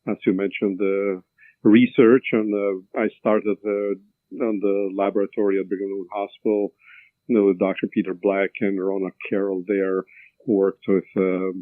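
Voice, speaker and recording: A man in his fifties with an Albanian accent, a neurosurgeon answering interview questions in a halting way with many fillers and restarts. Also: deep voice, level tone, dry recording. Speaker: neurosurgeon guest. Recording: tinny phone-like line, dry.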